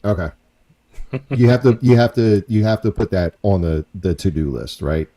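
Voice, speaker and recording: A man's voice: lowish voice, moderate pace, warm tone. A man hosting a podcast in a casual, rambling way, often repeating himself. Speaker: podcast host. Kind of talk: casual chat.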